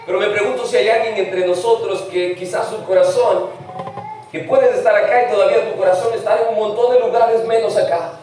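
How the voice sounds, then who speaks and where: A man's voice: sits high, fairly even intonation, a little fast, a little mellow, recorded from a distance, slight background noise. A middle-aged man preaching a sermon as pastor, slipping English words into his Spanish. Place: church sanctuary. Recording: very echoey church from afar.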